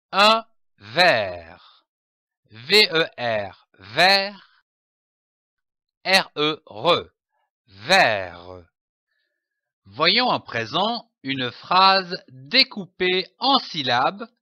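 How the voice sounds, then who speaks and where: A man's voice: a little high, bright, forceful tone, dry recording, studio quality. A man narrating a scripted reading lesson, carefully spelling out letters and syllables. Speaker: reading teacher.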